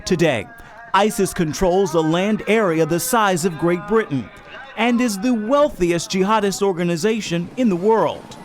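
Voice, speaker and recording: A man reading a scripted news voice-over in a dramatic, measured way. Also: high voice, soft background music. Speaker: news narrator.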